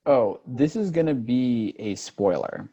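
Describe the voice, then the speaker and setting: A man co-hosting a casual podcast, rambling with many restarts and quick laughs. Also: medium pitch, lively intonation, dark tone, muffled recording. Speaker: podcast co-host. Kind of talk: casual chat.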